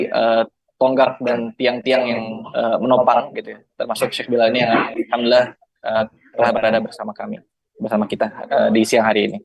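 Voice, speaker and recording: A man's voice: medium pitch, vocal fry, darkish tone, poor audio. A man hosting and moderating a religious talk, polite and friendly, with a hesitant manner. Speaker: host.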